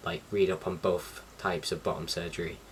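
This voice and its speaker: Deep-voiced with little pitch movement, a young man speaks at normal speed in a casual vlog to camera, rambling and slightly unsure. The recording uses a distant mic and has faint background noise.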